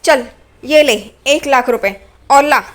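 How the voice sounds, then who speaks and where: A woman's voice: high voice, slow, fairly bright tone. A woman reading out the lines of a scheming male gangster in a retold TV serial, in a taunting, scolding way.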